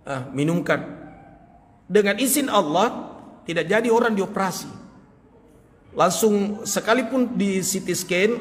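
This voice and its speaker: A male preacher telling a story in a sermon, acting out the quoted dialogue. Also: high voice. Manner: animated, acts out quoted dialogue with laughter. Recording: reverberant hall, faint ambience.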